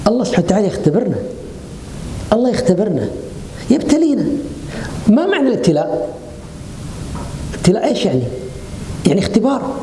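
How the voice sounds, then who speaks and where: A man preaching, giving an animated religious lecture to women and asking them rhetorical questions. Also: high-pitched, fast talker, pauses often, a little hiss or hum. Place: hotel lecture hall. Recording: echoey lecture hall.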